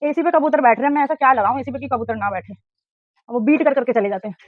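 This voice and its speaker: A woman's voice: sits high, quick pace, no room sound. A woman, a mother, chatting casually at home while doing chores, talking to herself and her kids. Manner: chatty, talks to herself and scolds kids between tasks. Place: home indoors. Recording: dry, dull lo-fi sound.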